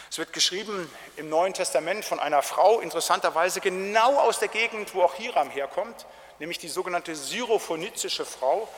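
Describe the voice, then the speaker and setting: A man delivers a sermon in a lively, colloquial storytelling manner, slipping into acted quotes as he goes. His voice sits high for a man. The sound rings with the long reverb of a hall. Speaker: preacher.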